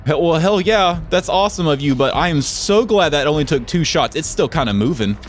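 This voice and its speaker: A man with a cold, hoarse and nasal, giving chatty, excitable let's play commentary. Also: fairly high pitch, fairly quick, slight background noise. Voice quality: chatty, excitable, laughs often. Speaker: gaming YouTuber.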